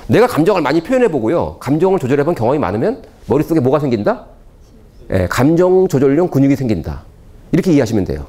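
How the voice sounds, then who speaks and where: A man giving a lecture to parents, constantly firing rhetorical questions at the audience. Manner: animated, swooping pitch.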